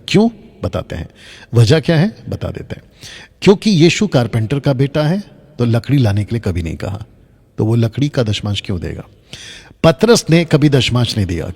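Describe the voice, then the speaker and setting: A man's voice: medium pitch, vocal fry, a little mellow, husky, in a large hall. A man teaching Bible lessons over slides, emphatic, repeating his points and asking rhetorical questions. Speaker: Bible teacher on a video channel.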